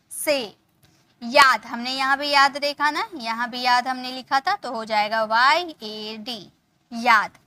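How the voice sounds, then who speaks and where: A woman's voice: high voice, sharp tone. A woman teacher patiently spelling out words letter by letter, checking in often with her students. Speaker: English teacher. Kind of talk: spelling lesson in Hindi.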